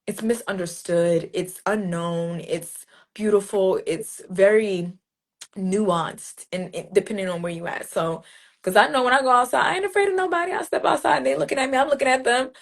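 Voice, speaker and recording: A woman from New Jersey, USA, with a gravelly mid-range voice at normal speed, appears as a poet guest in an interview. She tells stories casually and with animation, acting out street greetings in other voices.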